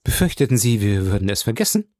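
A man voicing a proud aristocratic woman who asks quick, teasing questions, read as an audiobook figure. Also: on the low side, very animated, a little mellow, no echo, studio quality. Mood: lively.

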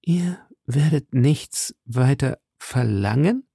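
A man's voice: mid-range voice, normal speed, vocal fry, no room sound, clean studio sound, close to an everyday voice. Buckingham, a man reading as a haughty duke. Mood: indignant. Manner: outbursts rising to shouts, fading to whispers when dying. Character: haughty English duke, alarmed then dying. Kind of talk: audiobook reading.

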